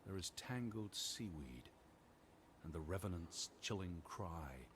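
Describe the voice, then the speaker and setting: Low-voiced, weary, earnest gentleman. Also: lively intonation, slow, breathy edge, exaggerated voice. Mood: solemn reading. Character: Edward, weary, earnest, restless gentleman searching for sister. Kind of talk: video game voice acting. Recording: game audio with music behind.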